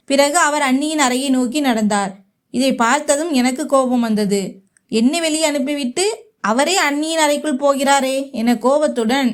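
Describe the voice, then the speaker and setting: A woman narrating a first-person short story in a slow, even storytelling manner. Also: sits high.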